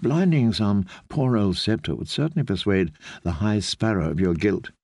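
A man's voice: fairly low pitch, animated, darkish tone, dry recording, clean studio sound, voice pushed down. A man doing a cool, scheming queen mother. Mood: cold. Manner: measured, smooth and condescending.

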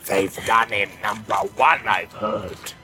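A man voicing a sullen male orc tracker who mutters complaints and snarls back in a gravelly voice. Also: lowish voice, a little slow, fairly bright tone, soft background music. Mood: snarling. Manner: muttering and grumbling, flaring into snarls.

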